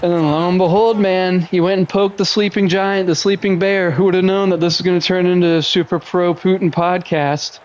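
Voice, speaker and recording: A man's voice: high voice, flat delivery, a little fast, few pauses. A man in his twenties from Russia, hosting a podcast with a casual, rambling, profane, self-deprecating monologue full of fillers. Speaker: podcast host.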